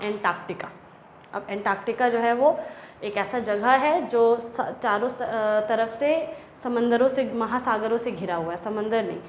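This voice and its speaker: Hindi-speaking woman teaching a class, echoey room. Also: on the high side. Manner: slow, deliberate reading of English lines, then explaining in Hindi. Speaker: English teacher. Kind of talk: classroom lesson explaining a textbook chapter. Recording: echoey room with faint ambient noise.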